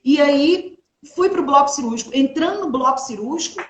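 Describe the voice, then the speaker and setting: A young woman telling an emotional faith testimony in a live chat, animated, quoting the people she met along the way. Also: high-pitched, moderate pace, roomy sound. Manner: animated storyteller, quoting others in her retelling. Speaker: guest sharing her testimony.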